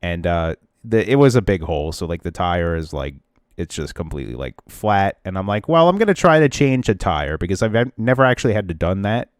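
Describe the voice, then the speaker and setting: A podcast co-host with a low, congested voice speaks very animatedly and a little fast, his tone clean despite the stuffiness. On this casual show he tells a long, rambling story, constantly restarting and trailing off. The studio recording is clean, without room sound.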